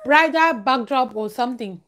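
With a high, fairly bright voice at normal speed, a young vlogger casually chats with her live-stream audience and offers advice, repeating phrases emphatically. The setting is a small room at home beside a plain wall, and she's miked with a collar lavalier.

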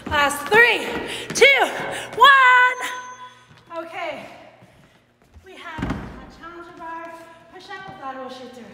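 A woman's voice: extremely high pitch, a little slow. A woman fitness trainer leading a home workout, giving upbeat coaching cues, counting down and cheering. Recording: echoey room with long reverb and noise.

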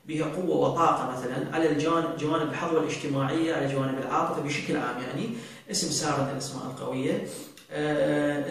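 A man, answering viewer questions on a show, talking slowly with many drawn-out fillers and restarts. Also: on the high side, gravelly. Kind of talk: casual talk show monologue. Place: indoor studio set at a desk. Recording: very roomy, from far off the mic.

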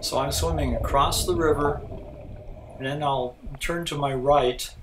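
A man's voice: on the high side, fairly even intonation, measured pace. Older man, distant and noisy recording. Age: older, around 70s. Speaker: scuba diver and vlogger. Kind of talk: informal explanatory narration. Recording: distant, noisy outdoor camera audio.

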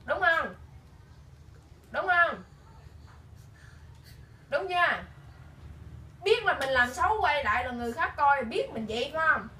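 Stern high-voiced mother, echoey room. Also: animated, unhurried, pauses often, pushed and bright. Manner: stern, firing repeated questions. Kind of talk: scolding a child at home. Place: room at home. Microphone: camera held by someone else some distance away. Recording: echoey room from a distance, faint hiss.

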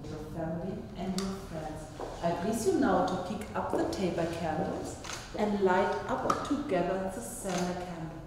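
Woman officiating a chapel wedding. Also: fairly low pitch. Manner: formal, measured, leads vows line by line. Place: small wedding chapel indoors. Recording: echoey chapel reverb, faint noise.

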